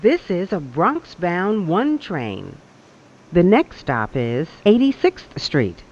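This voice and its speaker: A recorded subway announcer heard over a train loudspeaker, speaking in measured, evenly spaced phrases. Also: mid-range voice, sing-song, dull audio. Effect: played over a train loudspeaker.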